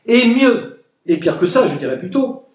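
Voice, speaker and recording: His voice is very high, swinging widely in pitch at a normal speed. This Egyptian man addresses a public meeting with a sarcastic, emphatic political speech, mimicking opponents in mocking voices, and the room sounds echoey.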